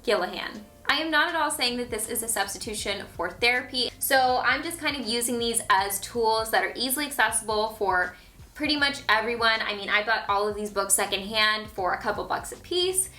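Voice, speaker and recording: A woman's voice: fairly high pitch, brisk, pushed and bright. A young woman vlogger talking casually to camera about books she has read, often saying "like". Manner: chatty, frequent "like" fillers.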